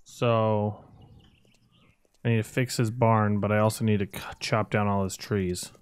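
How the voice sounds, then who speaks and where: A man's voice: on the low side, little pitch movement, a little slow, smooth, no echo. A man hosting a gaming video with casual, jokey commentary, thinking aloud and poking fun at himself.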